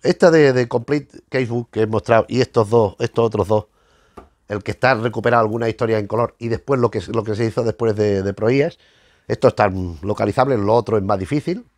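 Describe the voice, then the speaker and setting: Hosting a retro comics review show, a man in his fifties with a Spanish accent from Spain delivers a casual, rambling monologue to camera, often repeating words while searching for phrasing. His voice is on the low side, a little fast and a little mellow. He sits indoors in a small book-lined room at home, captured in studio quality with no room sound.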